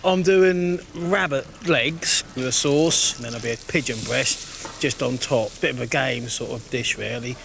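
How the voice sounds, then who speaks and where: A man's voice: mid-range voice, normal speed, creaky, background noise. A man from Norfolk, England, a cooking contest contestant, talking in a blunt, plain-spoken way in a studio kitchen.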